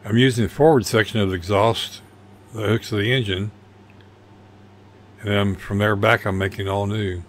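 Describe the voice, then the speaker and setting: Folksy older man, lowish voice. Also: fairly even intonation, moderate pace, pauses often, a little hiss or hum. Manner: rambling, folksy, self-deprecating. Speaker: model car builder. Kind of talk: casual narration over build photos.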